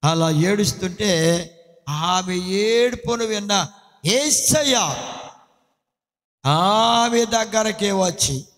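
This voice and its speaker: A man's voice: high-pitched, expressive, very slow, pauses often, a bit bright. A male pastor delivering a sermon, emphatic and repeatedly addressing his listeners directly. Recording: long hall reverb.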